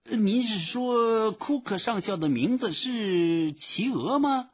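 A man's voice: high-pitched, expressive, takes it slowly, husky, pitched above the performer's own voice, exaggerated voice. A man voicing a hesitant, fussy male clerk on the telephone who keeps stammering "uh". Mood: puzzled. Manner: filler-laden, stammering "uh". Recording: dull lo-fi recording.

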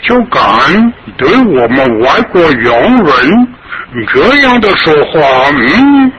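A man's voice: a little high, sing-song, takes it slowly, muffled recording, a crowd in the background, voice pushed up. A man doing an arrogant foreign invader. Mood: boastful. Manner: boastful, sneering, mocking. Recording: noisy old radio recording.

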